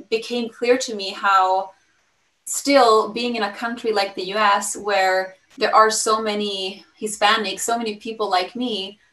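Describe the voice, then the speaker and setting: A Swedish woman in her thirties, speaking with a Swedish accent, pitches her startup over a video call, upbeat and fluent though she says "um" often. Her tone is bright and forceful, and the recording from a room in her home sounds roomy and slightly distant.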